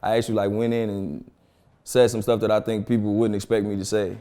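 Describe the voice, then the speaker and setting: A man's voice: fairly low pitch, flat delivery, fairly quick, mellow. A twenty-six-year-old man, a rapper, talking playfully in a group interview and teasing a crewmate. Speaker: rapper, crew member.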